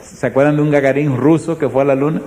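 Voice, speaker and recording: A man preaching as a pastor, with a mellow, warm tone and a faint hiss of background noise. He tells his sermon as a story and puts direct questions to the congregation. His delivery swings from loud, pressing emphasis down to hushed, quiet lines. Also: a little high, fairly even intonation, quick pace.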